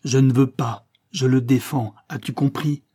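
A man's voice: medium pitch, moderate pace, slightly rough, close to an everyday voice. A man reading aloud and voicing an old husband who stammers and pleads in desperation. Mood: angry. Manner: stammering, pleading, rising to loud outbursts.

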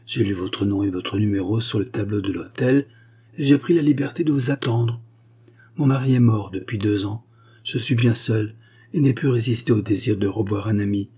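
A man's voice: fairly low pitch, normal speed, dark tone, slightly rough. A man voicing a proud, mocking ghostly young widow in an audiobook, raising his voice and slipping into whispers. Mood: tender. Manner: teasing, wistful, half-whispered. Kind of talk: audiobook reading.

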